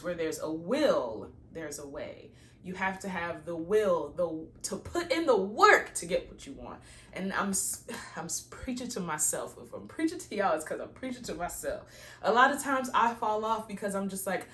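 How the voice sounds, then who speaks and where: A woman's voice: fairly low pitch, slight background noise. A woman reading tarot cards and giving a casual, preachy pep talk, encouraging listeners to plan and believe in their dreams. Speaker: tarot reader.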